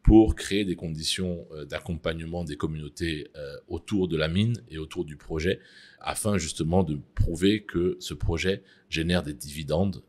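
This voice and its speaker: A middle-aged man answering interview questions in a formal, measured way, often pausing on fillers. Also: a bass voice, a little mellow. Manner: measured, hesitant with frequent fillers. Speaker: interviewee, mining executive.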